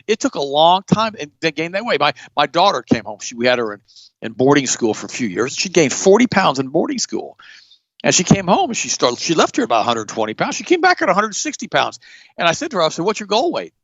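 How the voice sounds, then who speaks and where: A middle-aged man hosting a show, telling stories in a blunt, animated way and jumping up in pitch for emphasis. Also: fast, no room sound, lo-fi sound. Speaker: podcast host. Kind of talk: casual storytelling chat.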